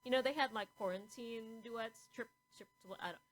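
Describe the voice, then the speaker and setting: A woman's voice: fairly high pitch, normal speed, slight background noise, rough recording. A woman co-hosting a podcast in casual chat, rambling and scattered, often losing her words. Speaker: podcast co-host.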